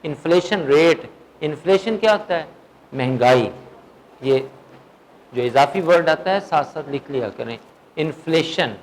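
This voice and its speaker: A man's voice: fairly high pitch, expressive, slight background noise, rough recording. A male English teacher giving a classroom lecture, drilling words and answering his own questions. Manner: drills vocabulary, asks questions and answers them himself; slow dictation of English sentences.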